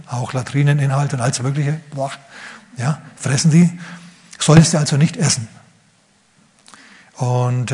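A man's voice: mid-range voice, a little mellow, breathy edge. A man preaching a sermon who retells a Bible story vividly and briefly acts out the figures in the story. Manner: acts out the figures in quick asides.

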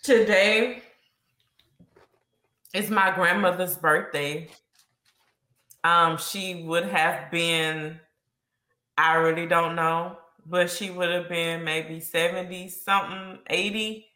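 A woman's voice: lowish voice, steady tone, slow, long pauses, bright, forceful tone. A young adult woman chatting casually on a live stream, rambling and sentimental and laughing often. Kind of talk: casual chat. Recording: echoey room.

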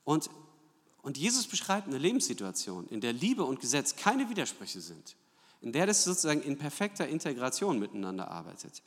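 Lively preacher in a reverberant hall. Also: male voice, mid-range voice, a little fast. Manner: lively preaching with rhetorical questions and tag "ja?". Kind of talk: sermon. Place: church hall. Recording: long church hall reverb.

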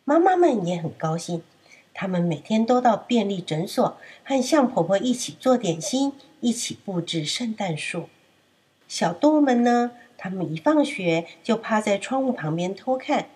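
A woman narrating a children's story in an expressive, sing-song manner. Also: mid-range voice, normal speed, husky.

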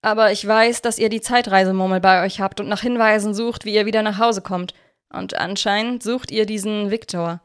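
A woman voicing a secretive, excitable young male detective, talking in a hurried, eager way. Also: medium pitch, clear, resonant tone, lightly acted.

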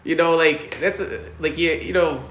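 A man's voice: fairly high pitch, normal speed, a bit bright. A man co-hosting a casual sports podcast, upbeat and hyping the team. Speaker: podcast co-host. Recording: roomy with faint noise.

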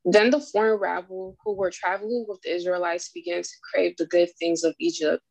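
Low-voiced woman reading scripture, dry close sound, steady delivery. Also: a little fast, gravelly, dry recording, low-quality recording. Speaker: scripture reader in a study group.

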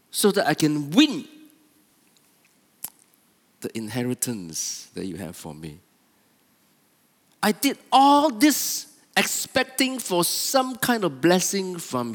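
A preacher putting on a bitter, whining older son. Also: male voice, a little mellow, long reverb tail. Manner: high, strained, bitter pleading. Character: resentful grown older son complaining to father.

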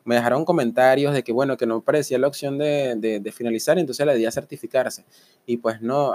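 Venezuelan guy doing a podcast, hoarse flu-ish voice from the grave, explains stuff step by step and repeats it, dry sound. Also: mid-range voice, a little mellow, no echo. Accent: Venezuelan Spanish. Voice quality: hoarse, sepulchral voice. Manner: emphatic, step-by-step, repeats instructions. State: under the weather with a flu-like hoarseness. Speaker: podcast host. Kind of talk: informal explanatory podcast monologue.

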